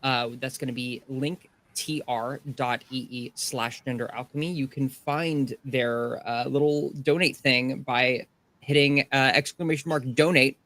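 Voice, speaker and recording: A woman hosting as game master of a tabletop game stream, speaking haltingly with many fillers. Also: low voice, fairly bright tone. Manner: halting, many ums and uhs.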